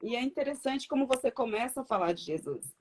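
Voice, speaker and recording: A woman's voice: fairly high pitch, animated, fast talker, a little mellow. A woman giving an earnest, reflective personal faith testimony as a guest on a video call.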